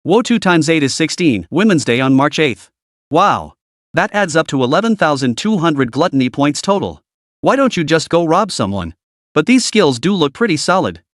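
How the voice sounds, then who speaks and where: A man's voice: fairly high pitch, big pitch swings, normal speed, no echo, clean studio sound. A man voicing a wry, scheming young male beast tamer who mutters his thoughts aloud in a storybook recap.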